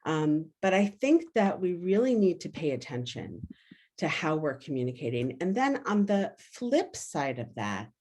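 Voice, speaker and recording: A woman facilitating a workshop over a video call, energetic, often checking in with "right?". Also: low-pitched, a little slow. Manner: energetic, frequently asks "right?".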